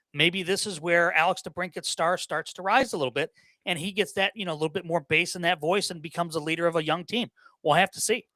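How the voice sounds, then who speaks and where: A man's voice: fairly high pitch, sharp tone, no echo. A man guesting on a sports podcast, giving opinions in casual chat, often repeating words and using fillers.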